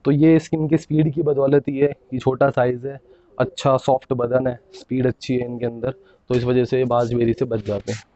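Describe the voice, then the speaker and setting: A man's voice: mid-range voice, level tone, brisk, mellow, dull audio. Chatty man showing off his pigeons. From India. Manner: chatty, keeps saying "bhai" and "theek hai". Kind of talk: casual hands-on show-and-tell.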